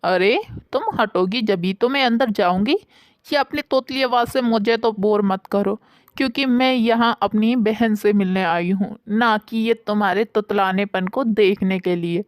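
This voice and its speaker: A woman's voice: mid-range voice, measured pace, no echo, clean studio sound, natural voice. A woman voicing a curt, dismissive young woman visiting her sister in a storybook tale.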